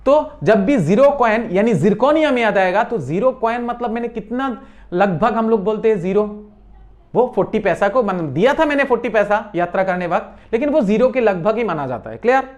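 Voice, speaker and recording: A man teaching a lesson on memory tricks. He repeats each point and keeps asking his listeners whether it is clear. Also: sits high, animated, a little fast, darkish tone. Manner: repeats points and checks understanding.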